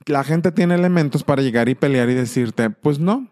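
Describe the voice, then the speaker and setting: A man's voice: mid-range voice, brisk, a little mellow. A man hosting his channel in a casual monologue, talking emphatically with frequent restarts. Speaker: channel host.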